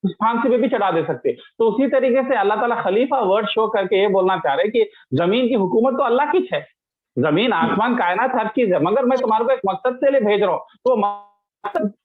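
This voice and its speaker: A man's voice: high voice, expressive, brisk. A man giving a casual religious lesson, explaining with everyday examples and English words mixed in. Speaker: Islamic teacher. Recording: tinny phone-line sound.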